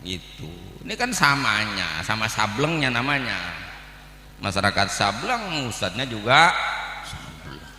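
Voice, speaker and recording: A man with a Jakarta Betawi accent delivering a humorous, blunt sermon, moving from calm teaching to loud outbursts. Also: lowish voice, unhurried, echoey room, big-room sound, slight background noise. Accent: Jakarta Betawi Indonesian. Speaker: preacher. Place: large hall at a memorial gathering.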